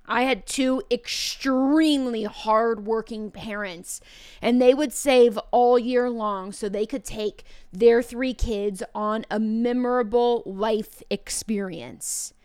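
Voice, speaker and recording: A woman's voice: on the high side, steady tone, takes it slowly, darkish tone, smooth, no echo, studio quality. A woman with a Midwestern American accent hosting a podcast monologue, enthusiastic and heartfelt. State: emotional, near tears. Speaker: podcast host.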